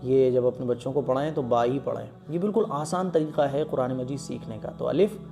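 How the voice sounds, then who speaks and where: A man's voice: mid-range voice, gravelly, mellow, soft background music. A man teaching the Arabic letters as a Quran lesson, patiently stretching each letter sound and checking in often with his listeners.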